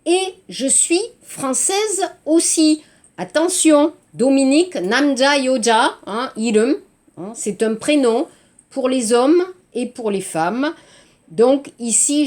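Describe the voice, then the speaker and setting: Slow, lively teacher, woman. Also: high voice. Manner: slow, clear teaching delivery with frequent "hein" and "d'accord". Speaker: French teacher. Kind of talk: language lesson for Korean learners.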